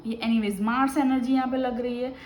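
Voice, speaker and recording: A woman's voice: on the high side, fairly even intonation, normal speed, darkish tone, echoey room, a little hiss or hum. Chatty woman giving a tarot reading. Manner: chatty and advising, often tagging "ठीक है ना". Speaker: tarot reader. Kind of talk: casual spoken tarot reading.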